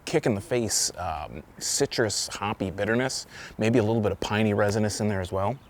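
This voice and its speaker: With a fairly low pitch and a slightly fast pace, a man offers a casual beer review outdoors. He's loose and rambling, often correcting himself. Wind noise from the windy location can be heard.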